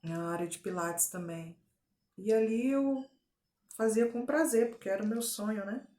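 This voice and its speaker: A woman with a Brazilian Portuguese accent giving a personal faith testimony at home, telling her story earnestly and deliberately with frequent tag fillers. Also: mid-range voice, warm tone. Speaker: testimony giver. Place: at home, indoors. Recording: echoey home room. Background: faint drill noise.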